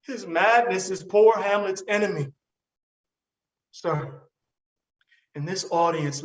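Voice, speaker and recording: A man acting a solemn prince, high-voiced and echoing. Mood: earnest remorse. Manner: declamatory, solemn verse delivery. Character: dying young prince, remorseful and noble. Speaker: actor in a student Shakespeare production. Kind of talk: theatrical Shakespearean acting. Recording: echoey, distant, dull sound with faint noise.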